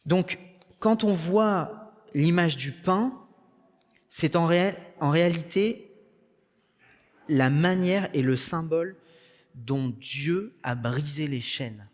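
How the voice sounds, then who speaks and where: A man's voice: on the high side, slow, pauses often. A young man with a French accent preaching a sermon in a conversational way, with joking asides. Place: church hall. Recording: long church reverb.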